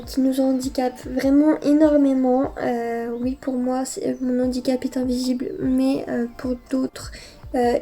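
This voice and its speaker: A woman's voice: high-pitched, warm tone. A woman beauty YouTuber chatting casually through a haul vlog, hesitant and full of filler sounds.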